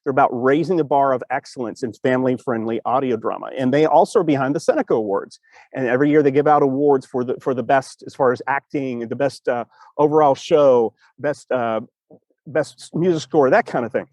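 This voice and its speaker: A storytelling teacher co-hosting a podcast chats casually and enthusiastically from a cemetery, rambling and often repeating phrases. His medium-pitched voice is a little mellow and a little fast. There's no echo.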